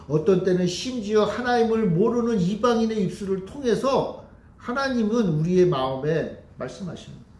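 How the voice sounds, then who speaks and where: A man's voice: fairly high pitch, warm tone, reverberant, a little hiss or hum. A man preaching a sermon as pastor, emphatic and full of rhetorical questions to the congregation.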